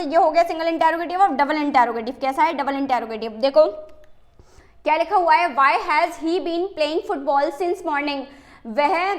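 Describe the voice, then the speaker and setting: A woman with a high, light voice teaches an English grammar lesson. She poses rhetorical questions, then answers them herself, and keeps checking in with the listener. She slows down deliberately to read out the example sentences. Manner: repeats rhetorical questions, frequent "ठीक है" checks. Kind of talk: Hindi-English tense lesson.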